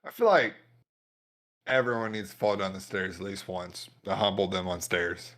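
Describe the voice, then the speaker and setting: A man's voice: sits low, normal speed, fairly bright tone. A young man co-hosting a podcast, telling stories in an easygoing, slangy way and laughing often. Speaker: podcast co-host. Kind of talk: casual chat.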